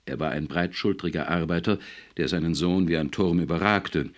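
A man reading a science-fiction story aloud as an expressive audiobook narrator. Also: deep voice, moderate pace. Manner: expressive, varied. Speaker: audiobook reader. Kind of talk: scripted narration.

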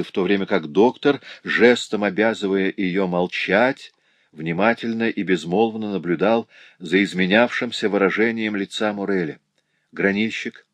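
A man narrating a novel as an audiobook reader, measured and slowing in tense moments. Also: lowish voice, no room sound.

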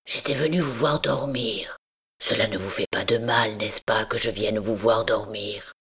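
A woman voicing a deformed, deaf hunchbacked man, speaking in a rough voice kept very soft and half-whispered. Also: rumbling low, a little slow, voice pushed down, full character voice. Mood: gentle timid. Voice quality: rough voice spoken very softly. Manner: hushed, half-whispered pleading. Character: deformed deaf hunchbacked male bell-ringer, timid and sorrowful.

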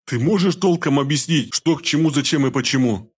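A man voicing a coarse, domineering ex-convict gang boss who talks in rough barking slang. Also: mid-range voice, lively intonation, a little fast. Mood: furious.

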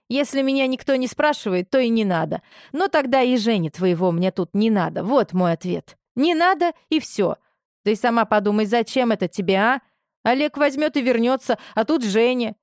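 A woman's voice: a little high, a little mellow, no echo, clean studio sound. A woman voicing a domineering, reproachful middle-aged mother who scolds her grown daughter with indignant questions. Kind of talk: audiobook character reading.

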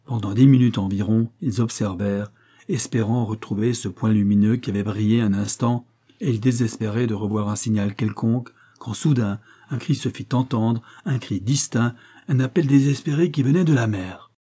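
A man with a lowish, husky and mellow voice narrates an adventure novel for an audiobook, reading the script in a measured, dramatic way. His tone is warm and relaxed.

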